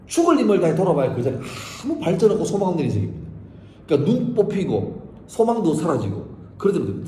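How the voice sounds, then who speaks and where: A man's voice: a little high, warm tone, slight background noise. A male pastor giving a Bible study sermon, telling the story vividly and acting out its scenes. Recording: echoey hall with faint ambience.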